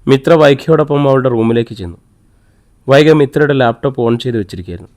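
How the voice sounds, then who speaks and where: A man narrating a story audiobook at a steady, measured pace. His voice sits at a typical mid pitch.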